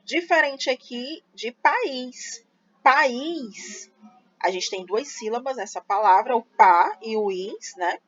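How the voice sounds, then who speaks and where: A woman teacher, explaining a grammar lesson slowly and patiently, spelling out syllables for her students. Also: a little high, animated. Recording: slightly dull lo-fi audio.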